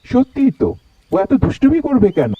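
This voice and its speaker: A man voicing a gentle, patient cartoon father with a mild, coaxing manner. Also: very high voice, wildly swooping pitch, fairly quick, narrow, tinny audio, a little hiss or hum, heavily acted. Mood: mock stern. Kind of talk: cartoon voice acting.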